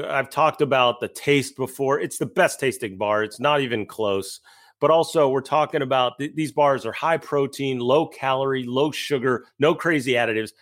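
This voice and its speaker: A man's voice: mid-range voice, fairly bright tone. A man in his thirties, co-hosting a sports podcast, talking casually with frequent stammered restarts and the odd joke, and reading an ad. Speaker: podcast co-host. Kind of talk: casual sports talk with host-read ad.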